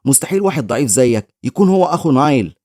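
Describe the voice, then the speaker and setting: A scornful young guild bully taunts his victim, as an Egyptian male narrator reads him. The lines come quickly and at a middle pitch, with a dry close sound. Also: very animated, dark tone, no echo, lightly acted. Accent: Egyptian Arabic. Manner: sneering, scornful.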